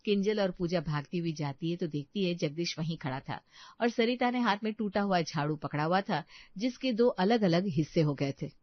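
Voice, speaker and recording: A woman narrating a family story in a calm, even voice, in a dull, dry recording. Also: on the low side, moderate pace, dry recording.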